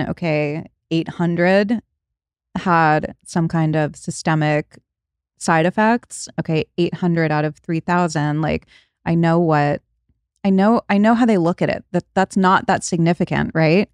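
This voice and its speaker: A woman's voice: fairly low pitch, steady tone, measured pace, no echo, clean studio sound. A woman in her late thirties hosting a podcast, chatting casually, laughing often and trailing off mid-thought. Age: 30s. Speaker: podcast host. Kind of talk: casual chat.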